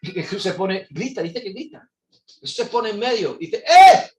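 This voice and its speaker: Man preaching to a class, lively and dramatic, slightly high voice, roomy echo. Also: normal speed. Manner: animated, acts out quotes with sudden shouts. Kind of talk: Bible class teaching. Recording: echoey church room, faint noise.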